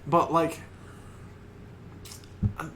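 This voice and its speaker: A man, co-hosting a casual podcast chat, slow and hesitant with many fillers. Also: pushed and bright, slight background noise. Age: 20s. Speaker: podcast co-host.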